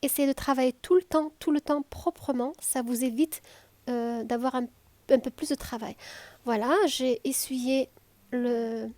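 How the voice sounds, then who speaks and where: Woman, southern French accent, high voice, dry close sound, unhurried cooking demo. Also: no room sound. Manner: calm, step-by-step, with hesitations. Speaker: home cook. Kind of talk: cooking tutorial.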